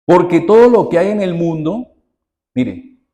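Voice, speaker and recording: Here a male pastor, his voice on the higher side, delivers a sermon that is very animated yet a little slow. Addressing the congregation conversationally, he leans on rhetorical questions and shifts from loud, stressed lines to soft, personal asides.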